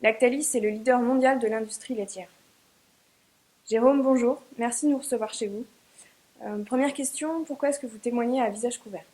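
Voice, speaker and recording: A woman's voice: a little high, a little fast, darkish tone. A French woman working as an interviewer, giving an introduction and asking prepared questions.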